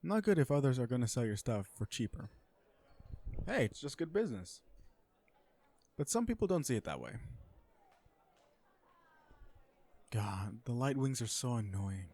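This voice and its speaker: With a dark tone and medium pitch, a man brings a very animated energy to a self-assured, flirtatious businessman supervillain on a blind date, speaking sardonically and conversationally to the listener in a romantic comedy audio roleplay. He speaks at normal speed with long pauses, sounding smug and exasperated, and there's no echo.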